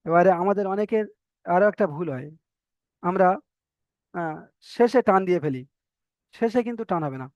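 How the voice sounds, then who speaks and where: A man teaching the Arabic alphabet in a patient, slow lesson, with a Bengali accent, stretching out each letter sound as he demonstrates it. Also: high-pitched, animated, no echo, highs cut off. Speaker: Quran reading teacher.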